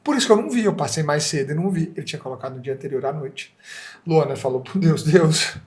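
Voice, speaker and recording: A man's voice: on the high side, racing. A man with a Brazilian Portuguese accent, an entrepreneur telling a story in a casual interview and acting out the dialogue. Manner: animated, acts out dialogue in quoted voices. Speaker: franchise entrepreneur guest.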